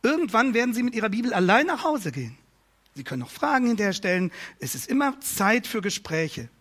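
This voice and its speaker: Man, preacher, high voice, emphatic sermon delivery, repetitive rhetorical phrasing. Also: very animated, fairly quick, a bit bright.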